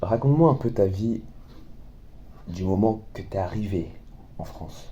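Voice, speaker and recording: A man hosting a casual interview, asking his guest teasing questions in a slangy, relaxed way. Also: deep voice, unhurried, highs cut off, a little hiss or hum. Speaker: host.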